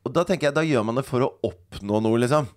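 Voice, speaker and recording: A man, co-hosting a podcast, telling stories in casual chatty banter. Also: medium pitch. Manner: storytelling, chatty, uses fillers like "liksom". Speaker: podcast co-host.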